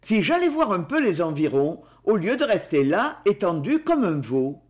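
A gruff, sly rough man with a blunt, familiar way of talking, as a male storyteller puts him on. The voice sits fairly high and swings widely, and the suspicion shows through in a storybook reading. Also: sing-song, moderate pace.

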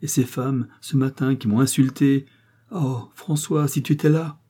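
A man's voice: medium pitch, steady tone, a little slow, dark tone, husky, voice pushed up. A man reading aloud, voicing a distressed young widow in a storybook. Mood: anguished. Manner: anguished, pleading.

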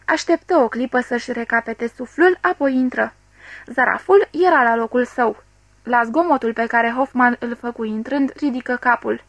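A woman narrating a classic novel as an audiobook reader, in a steady, clear storytelling voice. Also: on the high side, dry recording. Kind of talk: scripted narration.

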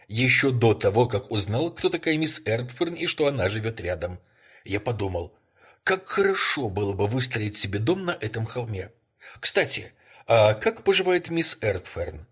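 A man reading an audiobook, voicing an exuberant, effusive young rich man in a raised, lively voice. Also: mid-range voice, normal speed, husky, pitched above the performer's own voice. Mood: eager. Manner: excited, effusive.

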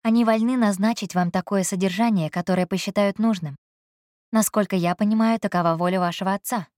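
Calm ironic financier read by a woman for an audiobook, soft even delivery, dry close sound. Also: medium pitch, a little fast, no echo, lightly acted.

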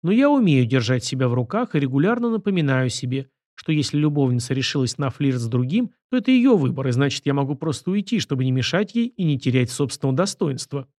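A man's voice: mid-range voice, quick pace, hardly any pauses, no echo, close to an everyday voice. A man voicing a cool ironic young man. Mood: calm. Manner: dry, ironic, calm.

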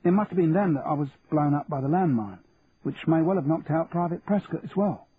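A man's voice: on the high side, lively intonation, fairly quick, pitched above the performer's own voice, lightly acted. A man voicing an earnest, honest young lance corporal who talks plainly and respectfully. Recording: tinny phone-like, faint hiss.

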